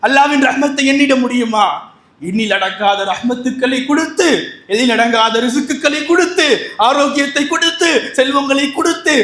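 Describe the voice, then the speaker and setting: High, bright-voiced impassioned male preacher. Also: normal speed. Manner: impassioned, repeats lines and asks rhetorical questions. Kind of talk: Ramadan sermon on repentance. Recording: echoey room.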